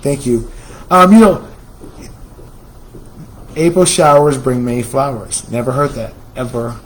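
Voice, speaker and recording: A medium-pitched American man talks at a measured pace while hosting a computer shop's promo. His delivery is chatty and salesy, and he often says things more than once. A slight hiss or hum accompanies the rough recording.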